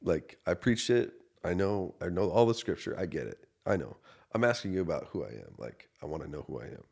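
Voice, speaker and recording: A man in his thirties, a pastor, earnestly telling a personal story in a podcast interview, going from quiet to loud. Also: low voice, very animated, a little fast, vocal fry. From United States. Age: 30s. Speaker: associate pastor.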